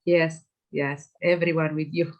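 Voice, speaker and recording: A woman's voice: sits low, level tone, a little slow, poor audio. A woman hosting an online class, talking hesitantly with many fillers over a video call. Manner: hesitant, filler-heavy, encouraging. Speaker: class organizer.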